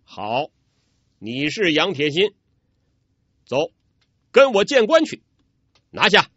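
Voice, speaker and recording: A man voicing a blustering military officer who barks orders in a pompous, shouting manner. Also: extremely high pitch, huge pitch swings, a little slow, no room sound, muffled recording, voice pushed up, exaggerated voice.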